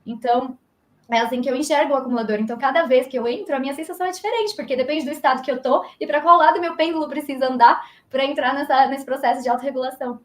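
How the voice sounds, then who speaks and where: A woman's voice: high-pitched, racing. A woman speaking as an engineer guest in a live video interview, explaining animatedly and acting out imagined dialogue. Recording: roomy echo.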